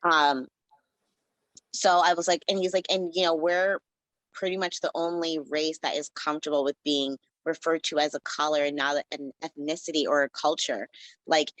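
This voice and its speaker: A woman's voice: deep voice, steady tone, moderate pace, a bit bright, dry recording, poor audio. A woman from the Caribbean, a writer, talking as a guest in a casual interview, rambling with lots of "like" fillers. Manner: rambling, heavy use of "like" fillers.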